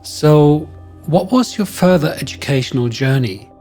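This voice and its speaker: A man's voice: fairly high pitch, lively intonation, unhurried, mellow, soft background music. A man with a German accent hosting a podcast interview, asking questions in an earnest, effusive way. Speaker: podcast host.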